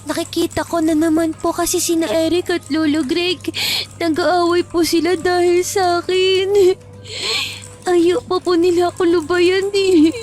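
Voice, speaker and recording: A woman voicing a polite, tearful young girl who pleads softly. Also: very high-pitched, moderate pace, long pauses, soft background music, voice pushed up. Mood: pleading.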